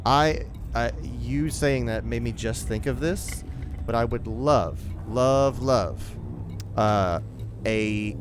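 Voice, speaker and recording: A man chatting casually while streaming a space game with friends, halting with many fillers and restarts. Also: medium pitch, slight background noise. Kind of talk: casual gaming chat. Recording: music playing behind the voice.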